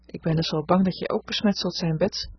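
A woman's voice: fairly low pitch, fairly even intonation, brisk, breathy edge, no echo. A woman voicing an impulsive teenage girl who speaks urgently and blames herself, in a dull lo-fi recording. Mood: earnest. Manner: urgent, self-reproaching. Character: anxious impulsive teenage girl, older sister.

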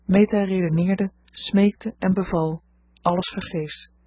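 A woman narrating a storybook in a steady, even voice. Her tone is husky and close-miked with no room sound. The recording is dull and lo-fi. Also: medium pitch, slow pace, no echo. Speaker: audiobook reader. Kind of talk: scripted narration.

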